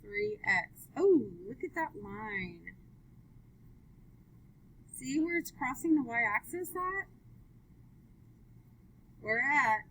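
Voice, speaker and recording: A woman's voice: sits high, expressive, extremely slow, long pauses, pushed and bright, slight background noise, rough recording. A woman teaching a math class, upbeat, asking students question after question as she works through graphs. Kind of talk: live classroom lesson.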